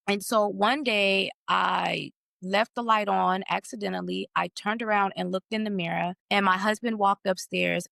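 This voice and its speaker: Gravelly-voiced woman recalling hard times. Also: mid-range voice, no room sound, clean studio sound. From United States. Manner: reflective, steady storytelling. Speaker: podcast guest. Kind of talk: emotional personal conversation.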